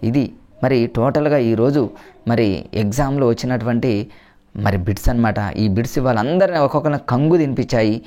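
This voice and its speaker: Guy rattling off exam tips quick, chatty, calls everyone friends. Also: mid-range voice, dark tone. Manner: chatty, keeps addressing viewers as friends. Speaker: exam coaching teacher. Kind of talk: exam-prep lesson with memory tricks.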